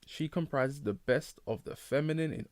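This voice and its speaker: A man's voice: on the high side, moderate pace, a little mellow, no room sound. A man giving critical commentary on a ministry channel, stern and emphatic.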